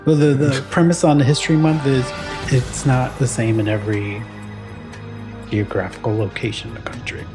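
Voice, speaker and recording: A man's voice: medium pitch, steady tone, moderate pace, over music. A young man co-hosting a casual podcast, bantering and running a playful trivia quiz. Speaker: podcast co-host. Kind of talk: casual chat.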